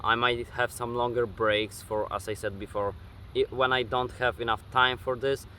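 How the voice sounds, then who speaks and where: Outdoors at dusk, an eighteen-year-old gaming YouTuber with a Polish accent answers viewer questions into a camera facing him in a casual Q&A vlog. His mid-range voice is bright, clear and steady in tone, at a moderate pace, with a little hiss or hum. He sounds hesitant, full of uh and um fillers and restarted sentences.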